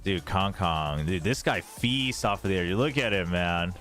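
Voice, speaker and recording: Hosting a laid-back esports livestream, this American man with an East Coast accent speaks in a low-pitched, expressive and fairly bright voice without hurrying. Faint music plays behind his casual commentary and chat as watch party host and analyst.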